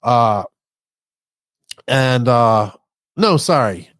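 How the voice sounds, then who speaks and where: A man's voice: medium pitch, animated, extremely slow, fairly bright tone, no echo. Bermudian man hosting a casual podcast. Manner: talkative, informal, toned-down accent. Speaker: podcast host.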